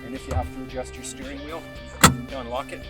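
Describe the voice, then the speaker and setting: A man's voice: mid-range voice, flat delivery, quick pace. A man with a Canadian accent giving casual, reassuring step-by-step instruction as a driving instructor. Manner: easygoing, reassuring, informal step-by-step explaining. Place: inside a car. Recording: loud guitar music over in-car talk. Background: guitar music.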